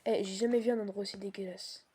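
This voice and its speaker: Bright, slightly husky woman game streamer. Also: mid-range voice, fairly even intonation, fast. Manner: slangy, chatty, reacting to the game as it happens. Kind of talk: casual co-op horror game commentary.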